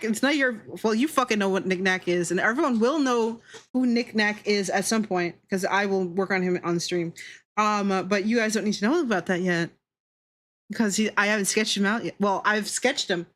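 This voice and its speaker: A woman speaks in a fairly high, fairly bright voice during a drawing livestream. As a VTuber, she banters casually with viewers, giggling, teasing, and cursing freely.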